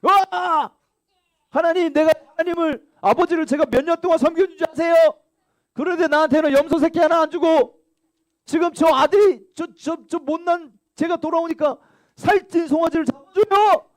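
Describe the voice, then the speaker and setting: A man's voice: extremely high pitch, normal speed, voice pushed up, low-quality recording. A man doing a whiny, resentful elder son. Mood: indignant whining.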